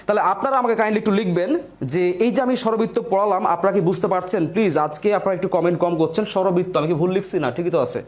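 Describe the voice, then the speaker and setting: A man's voice: high voice, racing. A man teaching a live online grammar lesson, explaining step by step and repeating his points to viewers.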